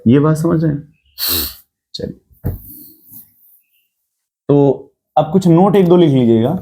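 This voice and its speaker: A male chemistry teacher lectures a class, his voice sitting a little high for a man. He keeps quizzing the room with quick rhetorical questions and drops English terms into his explanation. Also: warm tone.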